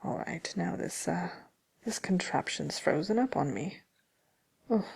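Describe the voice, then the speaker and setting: A woman voicing the smug, envious Wicked Witch in a soft ASMR roleplay, talking slyly and haughtily with hesitant pauses. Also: lowish voice, animated, exaggerated voice. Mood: mildly exasperated. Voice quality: breathy, creaky, often near whispering. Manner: sly, haughty, hesitant with many drawn-out pauses. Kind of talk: ASMR roleplay, soft-spoken chatty answers to listener questions.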